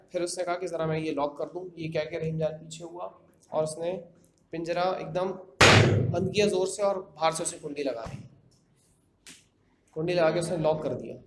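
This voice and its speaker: Higher-voiced man casually telling a horror tale. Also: fairly even intonation, long pauses, crowd noise. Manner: conversational, with fillers and repeated phrases. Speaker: storyteller. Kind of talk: casual retelling of a horror story. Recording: echoey room with faint background noise.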